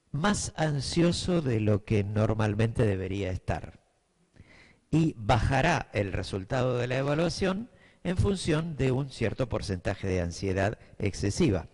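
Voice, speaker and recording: Here the Buenos Aires lecturer, a middle-aged man, has a mid-range voice with a darkish tone. He is giving a class to teachers in Buenos Aires Spanish, musing aloud with fillers and frequently checking that the group follows.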